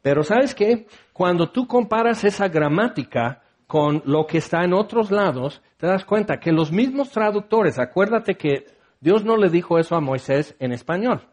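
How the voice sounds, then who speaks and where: A man's voice: sits high, animated, normal speed. A man preaching a sermon in a conversational way, acting out his listeners' replies and asking rhetorical questions.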